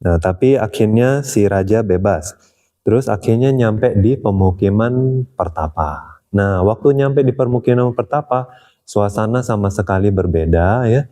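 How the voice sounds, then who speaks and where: Man, low voice, warm mellow tone, casual chatty storytelling. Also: measured pace. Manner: chatty, tags sentences with "ya", chuckles.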